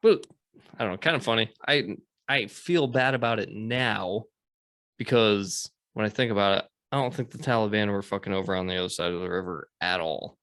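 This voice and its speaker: A man's voice: fairly low pitch, brisk, a bit bright, clear, resonant tone, no room sound, clean studio sound. A man from the United States hosting a podcast, telling a long story in casual, rambling talk with lots of fillers and swearing. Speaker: podcast host.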